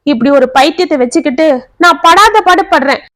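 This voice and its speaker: A woman's voice: animated, a little fast, sharp tone, no echo. A woman voicing an overwhelmed young working wife who speaks in an anguished, pleading way. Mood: despairing. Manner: anguished, pleading, shrill when upset.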